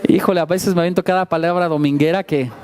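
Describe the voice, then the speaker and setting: A man's voice: a little high, fairly even intonation, quick pace, background noise. A man giving a sermon as a pastor, speaking conversationally, asking the congregation rhetorical questions and making self-deprecating asides.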